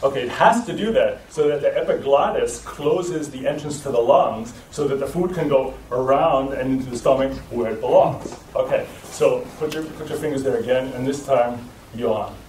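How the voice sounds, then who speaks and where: A man at a mid pitch gives a voice-training lecture to a class, explaining patiently and checking in with the room. He is picked up from a distance, so his voice rings in a roomy, echoing space with a faint hum underneath. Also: normal speed, a little mellow. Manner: explanatory, with frequent restarts and checking "right?". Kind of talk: live lecture to a group. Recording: echoey room recorded from a distance.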